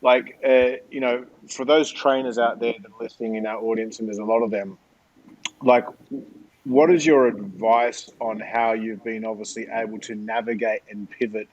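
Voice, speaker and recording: A man's voice: on the low side, fairly even intonation, normal speed, a little mellow, muffled recording, slight background noise. A male podcast host chats casually, repeating words and saying "you know" a lot. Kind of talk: casual interview chat.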